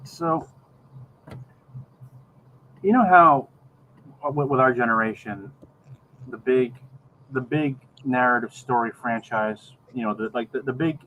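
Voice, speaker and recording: A middle-aged man chatting casually on a video call, rambling and halting, often repeating words as he gathers his thought. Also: mid-range voice, fairly bright tone. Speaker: podcast co-host. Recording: dull lo-fi video call, faint background noise.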